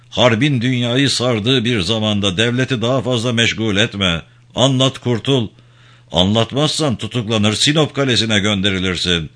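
A man's voice: lowish voice, bright, forceful tone. A man voicing a cunning male intelligence interrogator who coaxes and threatens in a raised, persuasive voice in a story reading. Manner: smooth persuasive pressure, raised voice.

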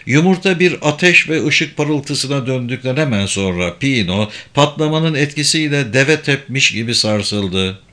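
A man narrating an audiobook in a measured, somber reading. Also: medium pitch, fairly bright tone.

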